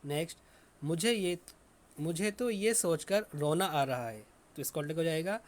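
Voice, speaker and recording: A man with a slightly high voice teaches young pupils, dictating each answer slowly and saying it again as he writes it. His delivery is patient and repetitive, like a classroom teacher working through a worksheet. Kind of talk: online lesson for children.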